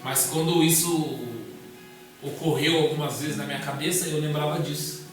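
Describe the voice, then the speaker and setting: A man's voice: on the high side, moderate pace. A man, a guest pastor telling a personal testimony in casual conversation, acting out the dialogue as he goes. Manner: animated storyteller acting out dialogue. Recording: echoey room, distant mic, music underneath.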